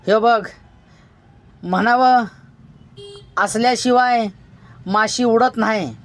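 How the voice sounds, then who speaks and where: A woman reading a Marathi village story, voicing an angry young man who shouts and scolds. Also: fairly high pitch, slow pace. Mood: furious.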